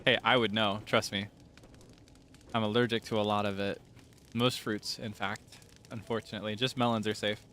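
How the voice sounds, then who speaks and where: With game music behind him, a man livestreaming as a VTuber banters casually and playfully with his viewers. His voice is on the low side, bright and forceful, with flat delivery at a moderate pace, and a little hiss or hum can be heard.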